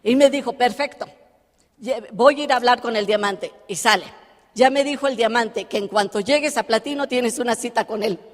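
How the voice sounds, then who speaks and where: Lively woman telling a story in a hall. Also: fairly high pitch, normal speed. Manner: lively storytelling, acts out quoted dialogue. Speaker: motivational speaker. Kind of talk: live motivational talk. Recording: long hall reverb.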